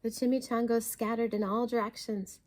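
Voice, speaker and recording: High-voiced woman reading a children's story. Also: level tone, normal speed, a little mellow. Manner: dramatic, emphatic. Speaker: library story time reader. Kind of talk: expressive children's storybook narration.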